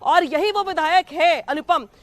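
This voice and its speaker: A woman field reporter on live news, pressing interviewees with rapid questions. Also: very high voice.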